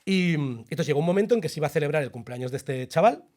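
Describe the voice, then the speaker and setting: A man, co-hosting a podcast and telling a personal story in a chatty, animated way. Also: on the high side, very fast. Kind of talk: casual chat, then scripted narration over music.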